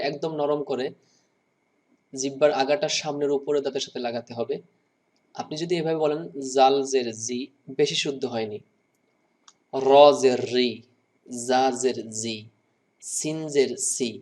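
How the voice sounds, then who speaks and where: A man teaching Arabic letter pronunciation. He drills each syllable slowly and clearly, one at a time. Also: medium pitch. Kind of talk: slow, deliberate pronunciation lesson.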